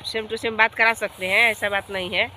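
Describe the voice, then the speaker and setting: A woman's voice: mid-range voice, level tone, normal speed, a crowd in the background. A young woman chatting playfully with viewers, outdoors in a rural field. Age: young adult. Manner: playful, talking straight to viewers. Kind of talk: casual comedic skit chat.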